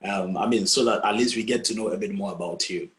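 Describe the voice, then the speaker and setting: A man's voice: on the low side, quick pace, a bit bright. A man hosting an interview show, welcoming his guest and praising her answers. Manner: effusive, heaps praise on the guest. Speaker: show host.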